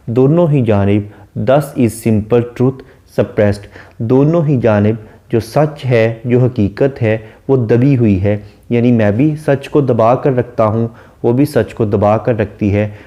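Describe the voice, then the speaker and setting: A man with a dark, mellow voice lectures on poetry. He reads each English verse line slowly, then explains it at length. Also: mid-range voice. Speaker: literature lecturer.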